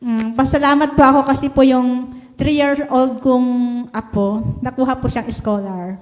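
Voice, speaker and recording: Older woman, fairly high voice, halting and polite testimony in a church, with long hall reverb. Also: steady tone. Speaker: church member giving testimony. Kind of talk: personal testimony at a prayer meeting.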